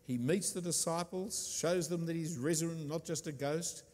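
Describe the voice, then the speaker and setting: A man preaching a sermon, stressing and repeating key words with deliberate emphasis. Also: fairly high pitch, a little mellow, long reverb tail.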